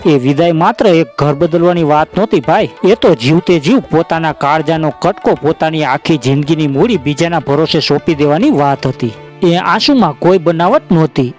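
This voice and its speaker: A man giving scripted documentary narration in an emotive storytelling manner, speaking to his listeners as friends. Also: fairly high pitch.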